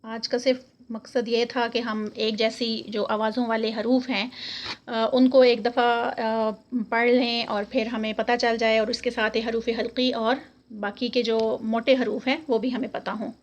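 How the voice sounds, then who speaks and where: A woman's voice: a little high, level tone, dull audio, a little hiss or hum. Patient woman teaching letter sounds. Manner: patient, repeats each letter sound slowly. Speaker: Quran recitation teacher. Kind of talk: online lesson with modelled letter sounds.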